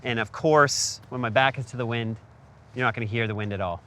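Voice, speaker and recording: A man's voice: medium pitch, a little fast, a bit bright. A man from Canada hosting a filmmaking tutorial, upbeat and jokey, asking his guest questions on a lavalier mic. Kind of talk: casual instructional chat. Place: outdoors in cold wind, then indoors. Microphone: lavalier hidden in shirt.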